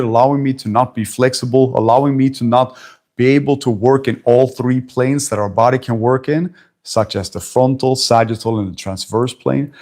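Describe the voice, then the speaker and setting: A man's voice: medium pitch, darkish tone. Blunt forty-something Swedish man. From Sweden. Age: 40s. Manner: blunt, emphatic, swears casually. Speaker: personal trainer. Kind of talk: talking-head fitness vlog. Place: friend's house indoors.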